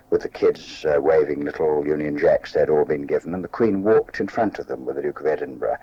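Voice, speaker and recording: A man with a husky voice dictating a diary entry, halting with many pauses and fillers, heard from a worn tape copy. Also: rumbling low, dark tone, lo-fi sound. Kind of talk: spoken diary recording.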